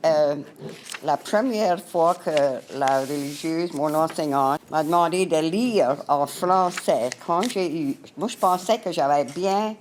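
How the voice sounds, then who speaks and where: An older woman telling a personal story in a slow, halting way. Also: lowish voice, darkish tone, a little hiss or hum.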